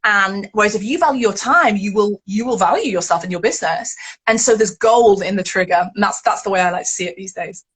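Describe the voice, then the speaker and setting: A woman's voice: medium pitch, fairly quick, fairly bright tone, slightly rough. A woman, a guest in an interview, telling stories animatedly and acting out the reactions she quotes. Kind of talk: podcast interview conversation.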